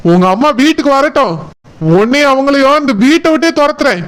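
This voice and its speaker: A woman's voice: sits high, expressive, quick pace. A woman voicing an angry young husband in a cartoon, with a Kanyakumari Tamil accent, scolding and threatening harshly. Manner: shouting insults, scolding and threatening. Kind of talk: cartoon voice acting.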